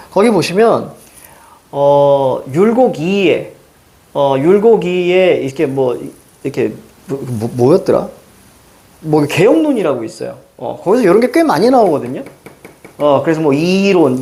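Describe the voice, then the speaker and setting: Lively, animated male reading teacher. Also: a little high, normal speed. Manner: lively, rhetorical questions to students, repeated "자". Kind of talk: recorded lecture explaining a reading passage.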